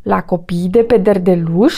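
A woman voicing a serious, proud female crow in a storybook, fussy and superior, croaking now and then. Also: on the high side, sing-song, darkish tone. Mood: scornful.

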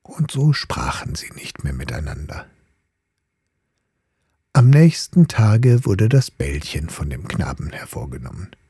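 A man narrating a fairy tale in an unhurried, storytelling way. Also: extremely low pitch, sing-song, mellow, slightly rough, dry recording, studio quality. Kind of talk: slow fairy-tale reading.

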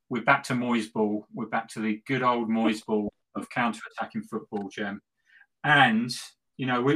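On a low-quality recording, a middle-aged man co-hosts a football podcast as a West Ham fan, chatting casually in a gleeful, tongue-in-cheek way and repeating things for emphasis. His mid-range voice has a fairly bright tone.

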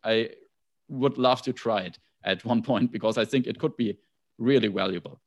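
A man's voice: lowish voice, normal speed. Man with a German accent, casual talk. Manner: thoughtful, frequent restarts and asides. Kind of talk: casual podcast conversation.

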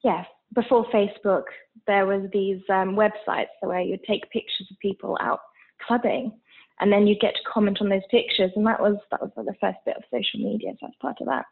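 A woman's voice: medium pitch, fairly even intonation, brisk, gravelly. A woman in her thirties from Switzerland with a mixed international English accent, chatting candidly as an interview guest, with many fillers. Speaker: guest, founder of a business. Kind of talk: casual interview. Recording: tinny phone-like line.

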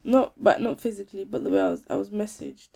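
A woman in her twenties with a London accent tells stories in a casual, animated chat, full of slang and repeated words for emphasis. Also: medium pitch, fast, creaky, breathy edge.

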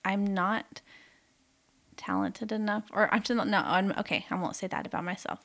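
Chatty woman with vocal fry. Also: medium pitch, fairly even intonation, normal speed, a bit bright. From Ontario, Canada. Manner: chatty, rambling, laughs often. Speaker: podcast co-host. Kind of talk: casual chat.

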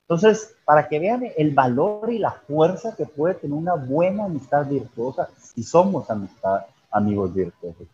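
A priest, animatedly telling a story and acting out the voices of the people in it. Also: male voice, fairly high pitch, moderate pace, slightly rough, lo-fi sound. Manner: animated, acts out quoted voices. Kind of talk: storytelling on a podcast.

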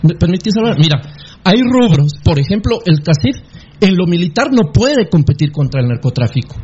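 A man's voice: high-pitched, big pitch swings, normal speed, a little mellow. A Guatemalan man on a sports radio panel, arguing his point insistently and cutting back in. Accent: Guatemalan Spanish. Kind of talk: heated radio debate. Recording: dull radio broadcast sound, faint noise.

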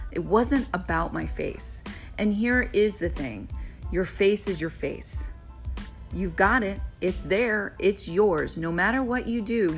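A woman's voice: medium pitch, fairly bright tone. Brief: friendly woman podcaster, coaching tone, conversational, light music bed. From Florida. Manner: chatty, encouraging, asks "right?" often. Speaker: podcast host; real estate agent and video coach. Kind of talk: casual solo podcast talk.

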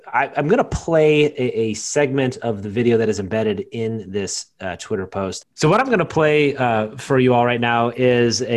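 Casual man hosting a panel chat. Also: medium pitch. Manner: fills pauses with "uh" and "um". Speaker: podcast host.

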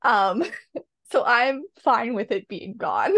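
A woman's voice: fairly high pitch, animated, slow, vocal fry, a bit bright, no echo. A woman chatting casually on a podcast, opinionated and rambling with lots of ums. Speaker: podcast co-host. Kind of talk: casual chat.

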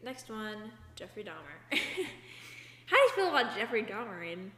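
A woman's voice: mid-range voice, big pitch swings, normal speed, sharp tone. Chatty young woman in an echoey room. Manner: chatty, many fillers, rambling retellings. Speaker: podcast co-host. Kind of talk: casual chat. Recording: echoey room with long reverb, faint hum.

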